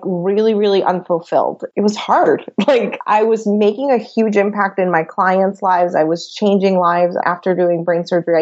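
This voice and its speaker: A woman in her thirties from Venezuela chats as a guest on a business podcast, rambling happily with lots of "like" and frequent laughter. Her voice is on the low side for a woman. The sound is dull and lo-fi, as if from a remote line. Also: darkish tone. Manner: chatty, laughs often, many "like"s. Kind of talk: casual interview chat.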